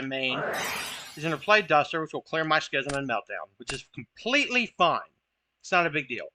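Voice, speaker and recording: A man's voice: on the high side, sharp tone, slight background noise. A young man giving casual, chatty commentary over his own card game matches, joking at his own misplays. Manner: chatty, self-deprecating, occasional swearing.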